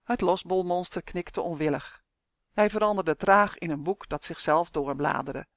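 A reader narrating a children's storybook in a steady, clear way. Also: medium pitch, moderate pace, no room sound, clean studio sound. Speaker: audiobook reader.

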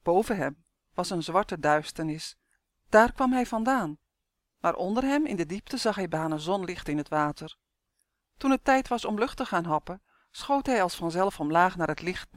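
An audiobook narrator reading a children's story aloud, with expressive storytelling and shifting pitch. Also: normal speed, dry recording, clean studio sound.

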